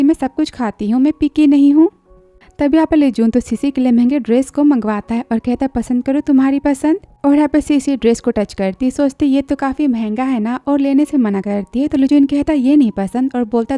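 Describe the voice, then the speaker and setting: A woman's voice: high voice, mellow, no room sound. A woman narrating a drama recap in a chatty storytelling way, briefly acting out the characters' lines.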